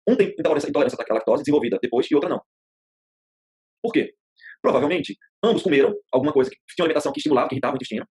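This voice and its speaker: A man's voice: a little high, a little mellow, slightly rough. A man teaching a therapy course in a casual lecture, telling stories in plain everyday speech and repeating phrases to drive his points home. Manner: colloquial, storytelling, repeats phrases for emphasis. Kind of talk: informal online class lecture.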